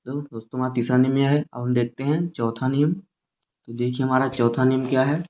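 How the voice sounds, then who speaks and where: A man's voice: mid-range voice, fairly even intonation, moderate pace. Guy teaching phonics, spells words out letter by letter, repeats himself a lot, sounds like its through a phone line. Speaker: English teacher. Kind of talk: classroom phonics lesson. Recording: tinny phone-like audio.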